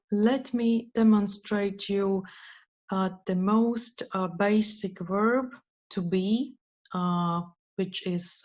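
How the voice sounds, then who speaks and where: A woman lecturing at an unhurried, deliberate pace, her mid-range voice steady as she works through her points. She fills her pauses with uh and um. The sound is dull and lo-fi, like an online talk over a video call. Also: mid-range voice. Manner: slow and careful, with frequent uh and um fillers. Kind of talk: academic presentation.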